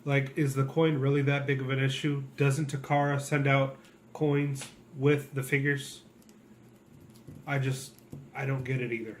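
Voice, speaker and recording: A man's voice: medium pitch, little pitch movement, a little slow. A man speaking as a co-host in a casual, conversational complaint, explaining his opinions. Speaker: co-host and toy collector. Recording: noticeable background noise.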